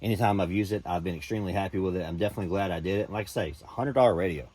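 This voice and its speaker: A low-pitched man talks through a casual product review. He is informal and folksy, rambling along as if chatting with fellow hobbyists. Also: rapid-fire, a little mellow.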